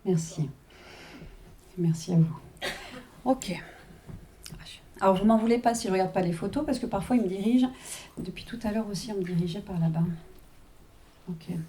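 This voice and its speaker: A woman's voice: mid-range voice, normal speed, long pauses, dark tone, a little hiss or hum. A woman working as a medium at a live reading, chatting with the audience, checking in constantly and laughing often. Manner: chatty, constant "hein" and "d'accord" check-ins, frequent laughs.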